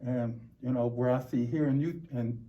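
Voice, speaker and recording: A middle-aged American man from Los Angeles giving reflective, halting interview answers, often repeating words. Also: mid-range voice, fairly even intonation. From Los Angeles, United States. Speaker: interview guest. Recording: dull, muffled lo-fi recording.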